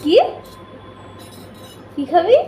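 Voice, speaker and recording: A woman's voice: very slow, mellow, slight background noise. A woman filming her toddler at home, teasing and coaxing the child in a sing-song way. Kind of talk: casual home video talk to a small child. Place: room in a home. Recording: echoey room at home.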